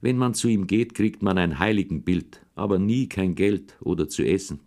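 Low-voiced male audiobook narrator. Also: moderate pace, a little mellow. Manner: storytelling a boy's first-person tale. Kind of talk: scripted narration.

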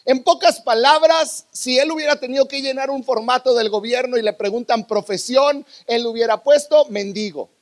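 A man preaching a sermon to a congregation in a church, dramatic, swinging from loud bursts to hushed lows. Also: moderate pace, few pauses.

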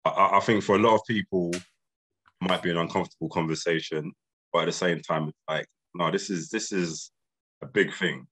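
A man's voice: low voice, fairly even intonation, a little fast, a bit bright, breathy edge. A man with an urban London roadman accent, chatting casually in slang as a podcast co-host. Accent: London, urban street. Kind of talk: casual chat, street slang.

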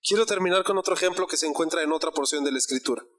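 A man's voice: a little high, racing, fairly bright tone. A man preaching a sermon, telling a personal story in a conversational way and asking the congregation questions.

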